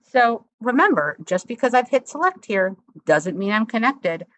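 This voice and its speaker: A woman instructor talking through a software tutorial step by step, in a conversational, explanatory way. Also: fairly high pitch, big pitch swings, moderate pace.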